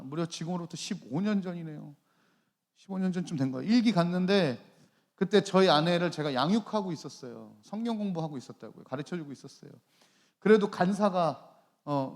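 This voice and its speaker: A man in his forties preaches to a youth group with a fairly high voice. He keeps tossing questions to the listeners and answering them himself. He teases the young people by name in a playful way. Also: a little mellow. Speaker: youth pastor.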